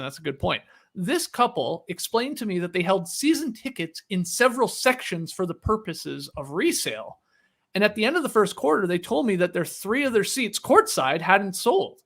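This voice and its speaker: A man's voice: high-pitched, big pitch swings, normal speed, a bit bright. A man hosting a podcast, reading a listener email aloud and then chatting casually with fillers. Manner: reads steadily, then chats with filler words.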